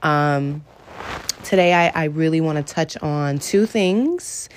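A woman's voice: sits low, slow, a little hiss or hum. A woman in her late twenties, from the San Francisco Bay Area, hosting a casual solo podcast in a chatty, slangy way. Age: late 20s. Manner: chatty, informal, uses slang. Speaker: podcast host.

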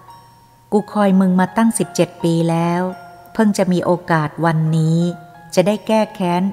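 A woman voicing the vengeful spirit of a man, speaking in a gruff, growling tone of threat. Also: fairly low pitch, normal speed, mellow, close to an everyday voice. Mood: vengeful snarl. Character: vengeful male spirit of a maimed servant, snarling. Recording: long reverb with faint music.

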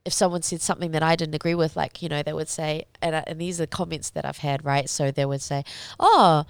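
A young woman fighter speaking as an interview guest, talking candidly in a halting, reflective way as she searches for words. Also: low voice, flat delivery, creaky, smooth, dry recording, clean studio sound.

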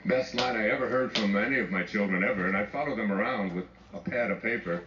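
A man in his seventies giving an inspirational talk, telling family stories and mimicking his daughters in a higher voice. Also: fast talker, bright, forceful tone. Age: 70s. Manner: storytelling, rising high when mimicking his daughters. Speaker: speaker. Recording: echoey, distant, muffled with noise.

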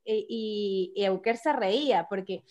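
A woman with a Venezuelan Spanish accent, a therapist guest, chatting in an animated way with hesitant restarts. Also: mid-range voice, unhurried, soft background music. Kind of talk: casual podcast conversation.

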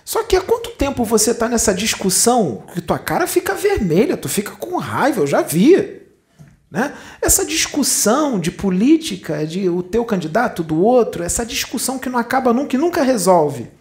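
Lively Brazilian spiritist storyteller. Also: mid-range voice, normal speed. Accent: Brazilian Portuguese. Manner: conversational, retells dialogue in varied voices. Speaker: spiritist lecturer.

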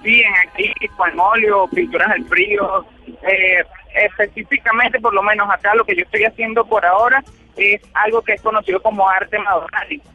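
Venezuelan man calling in, halting. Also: sits high, fairly even intonation, bright, forceful tone, faint music behind. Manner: hesitant, halting, many fillers. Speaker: caller. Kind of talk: radio call-in chat. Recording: dull phone-line call.

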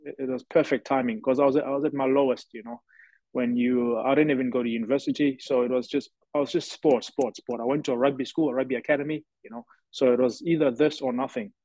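This South African man, a professional rugby player, talks fast in a dark, mid-range voice with fairly even intonation, telling his story with earnest reflection during a podcast interview. The lo-fi audio is dry and a little dull, with no room sound.

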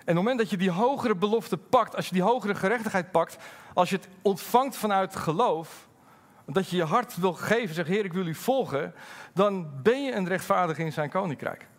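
Middle-aged male pastor, fairly high voice, sermon delivery, candid and lively, drops low for asides. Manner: lively, swings from loud emphasis to low confiding asides; candid, halting storytelling with fillers.

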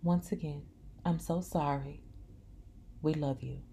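A gentle, remorseful pastor's wife in a storybook, apologizing softly in a low, gravelly voice, read by a woman narrator. The tone is dark and mellow, with faint noise in the background. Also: steady tone, slow. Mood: apologetic.

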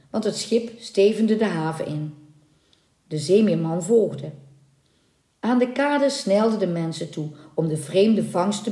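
A woman narrating an old folk legend in a calm and dramatic storybook style. She reads very slowly and deliberately, with her voice at a moderate pitch. The recording has a noticeably roomy echo. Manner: calm, measured, dramatic reading. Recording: roomy echoing room.

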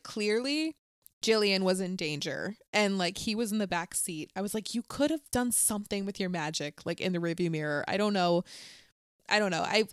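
A woman co-hosting a podcast in casual chat, chatty and quick to laugh, acting out quotes as she talks. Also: mid-range voice, clear, resonant tone, dry recording, studio quality. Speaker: podcast co-host.

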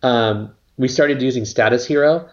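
A man's voice: mid-range voice, normal speed, muffled recording. A man, a company co-founder, talking casually in an interview, rambling with lots of fillers and some casual swearing.

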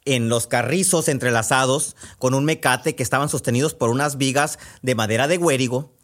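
A man from Sonora, telling a story in a conversational, meandering way. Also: mid-range voice. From Sonora, Mexico. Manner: conversational with frequent fillers and restarts. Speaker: podcast storyteller. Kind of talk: oral storytelling.

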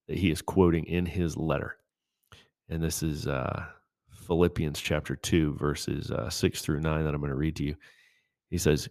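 A man hosting a podcast who teaches from scripture in an emphatic, preaching style and reads verses slowly and deliberately. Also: low-pitched, vocal fry, darkish tone, no room sound, clean studio sound. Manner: emphatic, quoting scripture in a slow measured voice.

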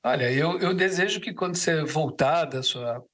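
A man's voice: a little high, normal speed, fairly bright tone. A man hosting a podcast, chatting in a friendly, enthusiastic way over a remote call from home. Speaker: podcast host. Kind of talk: casual chat.

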